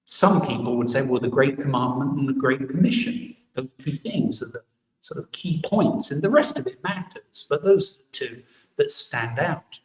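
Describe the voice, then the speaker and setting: A man's voice: medium pitch, expressive, normal speed. Man preaching in an echoey church. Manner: explanatory, asks rhetorical questions. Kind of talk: sermon. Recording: echoey church from a distant mic.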